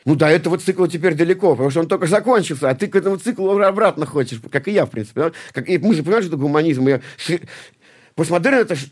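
A man's voice: a little high, lively intonation, very fast. A man in his late forties from St Petersburg, a guest talking casually in a rambling way, swearing a lot and repeating himself. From St Petersburg, Russia. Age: 40s. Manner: rambling, heavy swearing, many restarts and repeated words. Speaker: guest, punk poet and musician. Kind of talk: casual interview talk.

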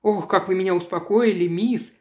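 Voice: mid-range voice, normal speed, dark tone, natural voice. A reader voicing an anxious, chatty village woman in an audiobook, rambling and fussy. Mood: relieved. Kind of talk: audiobook character voice.

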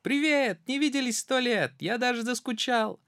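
A storyteller putting on a tiny, clever, boastful mouse with a squeaky, singsong voice. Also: normal speed, a bit bright, no room sound, studio quality, natural voice. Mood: cheeky. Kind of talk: storybook reading.

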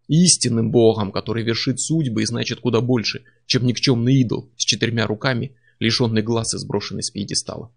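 Мужчина-рассказчик читает мрачную художественную историю. Голос скрипучий, с хрипотцой, манера размеренная и серьёзная. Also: male voice, mid-range voice, a little fast, gravelly, few pauses. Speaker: storyteller. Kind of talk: scripted audiobook narration.

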